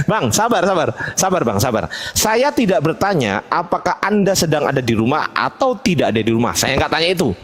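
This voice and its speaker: A man with a high, very animated voice hosts a heated online debate. He talks into a headset and keeps repeating soothing pleas for calm and for taking turns, then breaks into loud, mocking bursts. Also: brisk. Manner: repeats calming words over and over, then bursts into mocking shouts. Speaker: host of religious debate livestream.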